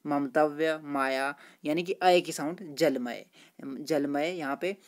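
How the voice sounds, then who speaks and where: A man's voice: a little high, slow. A friendly male teacher walks through exam questions one at a time in a chatty tutorial voice. He fills his explanations with "ठीक है" and "दोस्तों" and explains each answer patiently.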